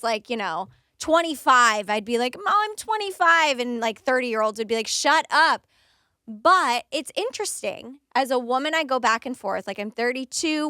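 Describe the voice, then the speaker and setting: A woman in her thirties chats on a podcast, her voice bright and a little high. She slips into little acted-out quotes as she talks. The sound is clean and dry, close on the mic. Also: expressive, normal speed, no room sound. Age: 30s. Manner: chatty, acts out quotes in a higher voice. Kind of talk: casual chat.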